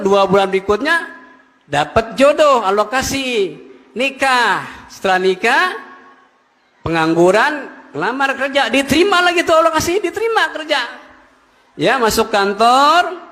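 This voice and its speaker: Guy preaching friday sermon, high voice, big echo, keeps jumping up in pitch. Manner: animated, emphatic storytelling with sudden rises. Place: mosque. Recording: echoey hall.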